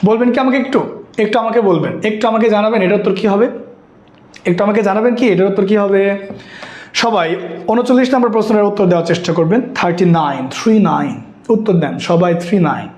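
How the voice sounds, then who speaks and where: A fast-talking man leads an exam-prep lesson, repeating each point and firing questions at his students. His voice sits high, and the room adds a noticeable echo. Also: darkish tone. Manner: repetitive, questioning students constantly. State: sweaty and worn out. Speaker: teacher. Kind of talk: live online exam-prep class.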